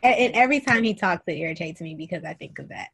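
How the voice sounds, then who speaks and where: A woman's voice: fairly low pitch, quick pace, creaky, slight background noise. A woman in her thirties co-hosting a podcast, recapping a TV show in casual, profane chat with lots of laughter. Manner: animated, laughing, profane storytelling. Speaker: podcast co-host.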